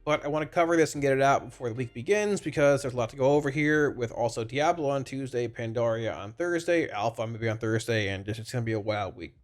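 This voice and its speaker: Congested and under the weather with a cold, a man with a slightly raspy voice gives his viewers casual, rambling, explanatory commentary on a video game as informal feedback. He is medium-pitched and talks fast with few pauses, background music playing.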